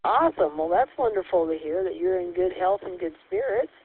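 Give me a woman running a radio net over walkie-talkie, friendly and a bit hesitant, with a low gravelly voice. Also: very animated. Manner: friendly, measured, with hesitant fillers. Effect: heard over a two-way radio. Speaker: net control host. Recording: tinny two-way radio with faint static.

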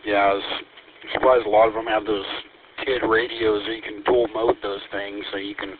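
A man with a lowish, flat voice chats matter-of-factly over a two-way radio. His pitch barely moves. The sound is thin and tinny, like a radio channel, with a faint hiss behind it. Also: moderate pace. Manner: flat, matter-of-fact, talking while eating. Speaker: radio operator. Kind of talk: casual radio chat.

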